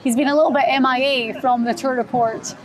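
Female sports show host, slightly high pitch, conversational presenting. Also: steady tone, fairly quick, background noise.

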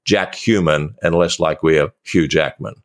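A man with a very low voice hosts a podcast interview. He talks chattily, tells stories that poke fun at himself, and laughs often. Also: steady tone, measured pace. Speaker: podcast host. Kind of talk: conversational storytelling.

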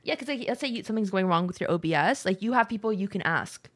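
A woman's voice: mid-range voice, animated, fast talker. A woman co-hosting a casual podcast chat about streaming, chatty and filling her talk with "like". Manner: chatty, heavy use of "like", laughs often. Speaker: streamer co-host.

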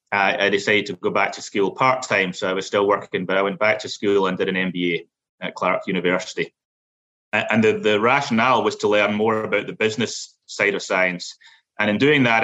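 A middle-aged man with a Glasgow Scottish accent, a guest telling his career story in a measured way with frequent fillers and restarts. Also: fairly low pitch, sharp tone. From Scotland. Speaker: guest, lab operations executive. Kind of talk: interview storytelling.

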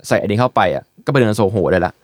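A man hosting a casual podcast chat, explaining product details in a relaxed way with many fillers. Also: on the low side, very fast, no room sound, studio quality. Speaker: podcast host presenting eyewear.

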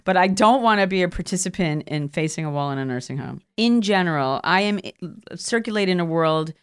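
A middle-aged woman talks casually as a podcast guest. Her voice is low for a woman and very smooth and clear. She comes across as candid, with a wry edge. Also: lively intonation, a little fast. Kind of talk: casual chat.

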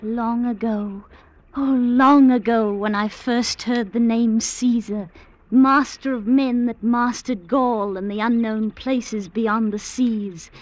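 Slow, adoring Cleopatra. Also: female voice, fairly high pitch, fairly even intonation, dry recording. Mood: worshipful. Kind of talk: 1950s radio drama acting. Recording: dull old radio recording.

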